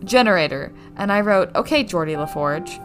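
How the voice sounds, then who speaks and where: A woman's voice: fairly low pitch, a little slow. A woman co-hosting a podcast, recapping a movie in sarcastic, swear-filled casual chat. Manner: sarcastic, swears freely, animated. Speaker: podcast co-host.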